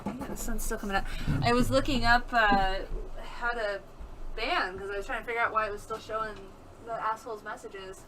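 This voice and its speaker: A woman giving casual, rambling let's-play commentary as she plays a game, chatty and quick to laugh. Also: fairly high pitch, steady tone, noisy background. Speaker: gaming streamer. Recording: game music playing behind.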